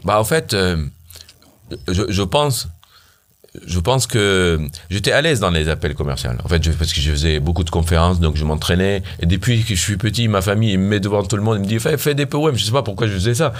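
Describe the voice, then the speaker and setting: A man's voice: deep voice, fairly quick. A founder from Syria, telling his story animatedly in an interview, with many fillers and restarts. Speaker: startup founder guest.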